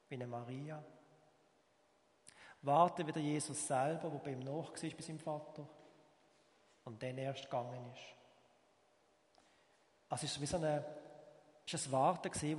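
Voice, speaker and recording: A man with a Swiss German accent preaching a sermon as pastor, moving between emphatic rises and soft, slow pauses. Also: on the high side, big-room sound.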